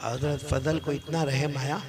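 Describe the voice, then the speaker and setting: A male preacher telling a story in a sermon, rising to shouted appeals and dropping to soft asides. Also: fairly high pitch, flat delivery, unhurried. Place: gathering with a live audience. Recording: crowd audible behind.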